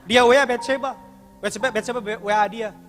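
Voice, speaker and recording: A man preaching a lively, comic sermon as pastor, acting out dialogue and sometimes shouting for emphasis. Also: very high voice, a little fast, long reverb tail, a little hiss or hum. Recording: live music behind him.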